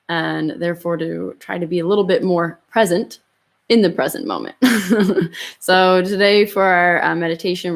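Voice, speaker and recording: A woman's voice: lowish voice, gravelly. Casual, conversational woman yoga instructor. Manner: informal, conversational, hedging with "kind of". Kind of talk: casual chat to an online class.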